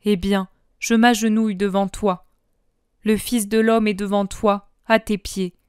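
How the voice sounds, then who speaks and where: Woman voicing gentle forgiving Jesus, slow measured words, smooth clear voice, dry close sound. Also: medium pitch, no room sound, close to an everyday voice. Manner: tender, measured and calm. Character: gentle merciful male Jesus, calm and forgiving.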